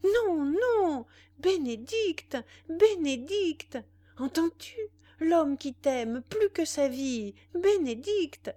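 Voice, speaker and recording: A woman's voice: medium pitch, slow, gravelly, breathy edge, no room sound, heavily acted. A woman voicing a desperate, passionate young man, pleading frantically. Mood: frantic. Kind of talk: audiobook dialogue reading.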